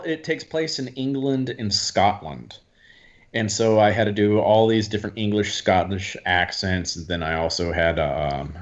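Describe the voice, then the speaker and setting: A man's voice: sits low, highs cut off. A man from Alabama, a guest actor chatting casually and animatedly, often slipping into voices to act out quotes. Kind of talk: casual chat.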